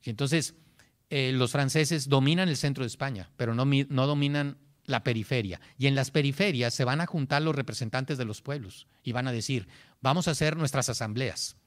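A man giving a history lecture, animated, checking in with "¿sí?" and often repeating words as he searches for the next one. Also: mid-range voice, a little fast. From Mexico. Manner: animated, frequent "¿sí?" check-ins, acts out historical voices. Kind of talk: classroom lecture.

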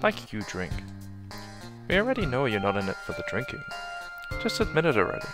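Kiros, man doing a deadpan soldier. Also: mid-range voice, a little fast, music in the background. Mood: teasing. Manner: deadpan teasing. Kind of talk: fan dub of game cutscenes.

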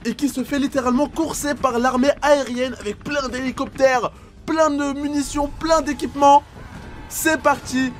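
A man reacting to videos as a YouTuber, giving excited commentary full of exclamations and gasps. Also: very high-pitched, normal speed, soft background music.

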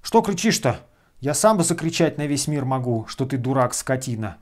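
A man voicing a brash, abusive freeloader who shouts and hurls insults. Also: medium pitch, normal speed, natural voice.

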